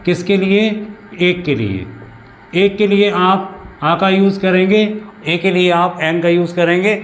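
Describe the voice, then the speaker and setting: A man teaching English grammar in a classroom-style lesson, explaining slowly and repeating himself often. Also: sits high, little pitch movement. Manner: explains slowly with many repetitions and restarts.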